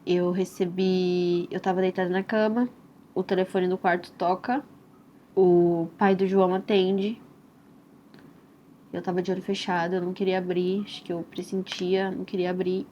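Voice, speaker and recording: A woman's voice: fairly low pitch, flat delivery, normal speed. Tender young Brazilian woman telling her story. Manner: soft, tender and reflective, with frequent "né?" and "assim". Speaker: mother telling her own birth story. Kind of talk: personal testimonial storytelling. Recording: slightly dull recording with faint hiss.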